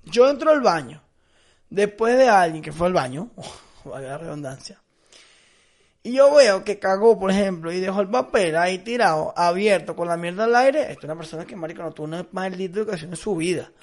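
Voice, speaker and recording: A young man with a Venezuelan Spanish accent co-hosts a casual podcast, his high voice expressive and a little fast. He tells crude stories in an emphatic, storytelling manner.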